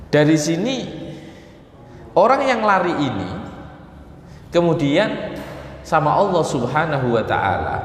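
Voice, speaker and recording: East Javanese male Quran teacher, lively pitch, echoey mosque lecture hall. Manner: lively, swoops from low asides to high emphatic phrases; switches into Javanese word-by-word gloss readings.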